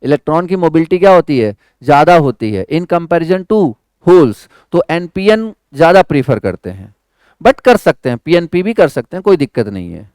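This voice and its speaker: A man's voice: fairly high pitch, very animated, moderate pace, darkish tone, clean tone, no echo, clean studio sound. A man teaching electronics in a classroom lecture. He keeps quizzing his students with repeated questions and mixes English terms into his speech.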